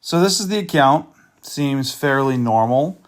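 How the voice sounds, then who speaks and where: This channel host, exposing a scammer, reviews chat screenshots casually in an expressive, medium-pitched voice at a measured pace. He meanders loosely with fillers and restarts, adding dry, sarcastic remarks.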